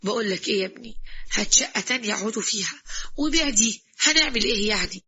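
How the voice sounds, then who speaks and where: A woman's voice: fairly high pitch, animated, rapid-fire, sharp tone, breathy edge, heavily acted. A woman voicing a fearful, pious middle-aged father with an Egyptian accent. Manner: exclaiming, pious, resigned.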